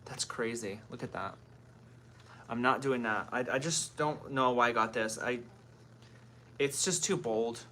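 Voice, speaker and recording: A woman's voice: extremely low pitch, measured pace, long pauses, fairly bright tone, slight background noise. A woman in her thirties hosting a casual livestream at home, greeting commenters by name while doing her makeup. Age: 30s. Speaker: livestream host. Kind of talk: casual live-stream chat.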